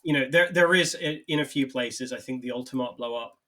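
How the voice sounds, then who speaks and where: Man giving measured takes on a film. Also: mid-range voice, sharp tone. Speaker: podcast co-host. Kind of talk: casual film discussion.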